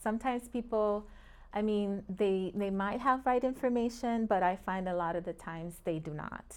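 A woman's voice: mid-range voice, normal speed, darkish tone, clear, resonant tone. A middle-aged woman from Puerto Rico, a real estate agent guest talking earnestly and in detail in a casual interview, often laughing between points.

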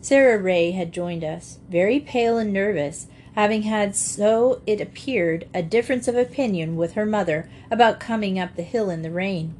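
A woman reads a classic children's storybook aloud at a mid pitch, steady and expressive. Her narration flows evenly between the characters' lines. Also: moderate pace, few pauses, slight background noise. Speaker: audiobook narrator.

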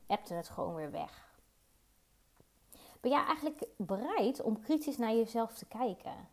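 On her solo podcast, a woman talks earnestly about her emotions, repeating words and using fillers as she reflects. She has a mid-range voice with a darkish tone, captured on a podcast mic.

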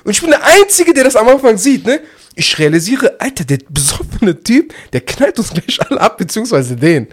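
A young man in a casual podcast chat, telling a story with a high, restless voice. He jumps into the quotes and yells them out, with lots of rise and fall as he goes. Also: a little fast, slightly rough. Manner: animated, acts out shouts and quotes. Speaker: podcast co-host.

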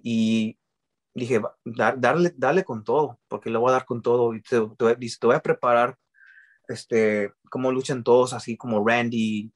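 A man, telling his story in a casual interview, often restarting and dropping English words into his speech. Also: medium pitch.

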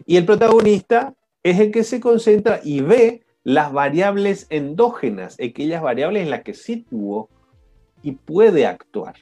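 A man's voice: high voice, unhurried, soft background music. A man with an Argentine accent teaching a live online coaching class, often asking the group questions. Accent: Argentine Spanish. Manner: lively, questioning the class, frequent "¿no?" and "¿sí?". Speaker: coaching instructor. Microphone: video call.

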